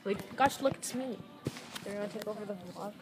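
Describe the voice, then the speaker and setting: A teenage girl chatting excitedly while vlogging a shopping outing on a handheld camera. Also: medium pitch, brisk. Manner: excitable, giggly. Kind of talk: casual vlog chat. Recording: music playing loudly over it.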